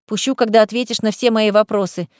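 A woman's voice: mid-range voice, steady tone, fast, a little mellow, no room sound, clean studio sound, close to an everyday voice. A woman reading the part of a bewildered young woman, a novice witch, who asks exasperated, startled questions. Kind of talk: audiobook character voice.

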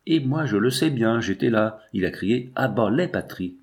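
A man's voice: medium pitch, animated, moderate pace, lightly acted. A man reading the lines of an earnest fifteen-year-old girl who pleads and argues in grief, in a storybook reading. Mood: insistent.

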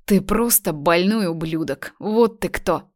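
A woman's voice: lowish voice, a little slow, a little mellow. A woman reading the part of a defiant young captive who hisses at her tormentor. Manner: hissing, defiant.

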